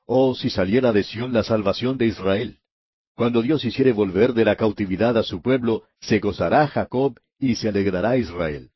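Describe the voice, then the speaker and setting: Man, radio Bible teaching, earnest, emphatic, low-pitched, muffled dry recording. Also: slightly rough, no room sound. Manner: earnest, emphatic, addresses the listener directly.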